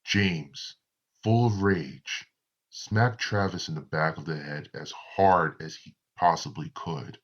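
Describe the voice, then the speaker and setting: Man, horror story narrator, slow deliberate delivery, muffled lo-fi sound. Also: extremely low pitch.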